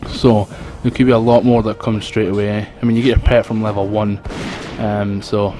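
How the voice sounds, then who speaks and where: This commentator, a gaming video creator from Scotland, has a thick accent and a flat delivery at a moderate pace. He wanders casually through his remarks on the gameplay, and the poor home mic lets background noise through.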